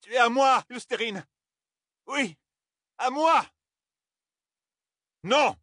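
A man reading an audiobook, voicing a cold, possessive ancient sorceress in a high, strained put-on voice. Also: animated, extremely slow, sharp tone, no room sound, studio quality, exaggerated voice.

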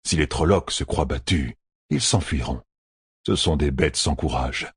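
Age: older. Figure: a man playing a grim old general. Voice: husky, low. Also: a little slow, no room sound, clean studio sound, full character voice. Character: proud aging male general, grim and shaken.

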